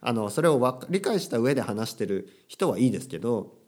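Lively-voiced man teaching casually. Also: mid-range voice, a little fast. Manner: animated, playful quoting of characters and phrases. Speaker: Japanese teacher. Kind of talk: casual language lesson.

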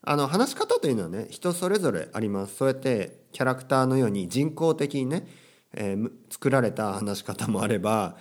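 A man's voice: medium pitch, sing-song, a little fast. A young man teaching casually, with playful quotes of characters and phrases. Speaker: Japanese teacher. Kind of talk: casual language lesson.

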